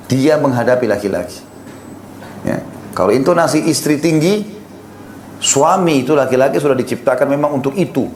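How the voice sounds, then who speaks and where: Man, preacher, calm explaining sermon, echoey room, faint background hum. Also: medium pitch. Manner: calm, explaining, acts out short dialogues.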